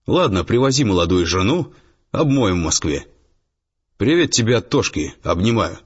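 A man's voice: fairly low pitch, big pitch swings, normal speed, husky, voice pushed up. A man voicing a jovial male business partner who ribs a friend in a hearty, teasing way. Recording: dull lo-fi audiobook, faint music.

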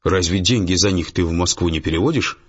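A man's voice: low voice, fast talker, breathy edge. A man reading an irritated, pressing businessman. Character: irritated male businessman demanding answers. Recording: dull lo-fi audiobook, faint music.

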